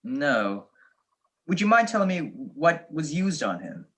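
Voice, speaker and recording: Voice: medium pitch, sing-song, measured pace, a bit bright. A performer playing Nick Charles's part as a wry, unflappable male detective, teasing and sarcastic, in an old-style radio mystery. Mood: wry, nonchalant. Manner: dry, teasing, sarcastic wit. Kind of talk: 1940s detective radio play acting. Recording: video call recording.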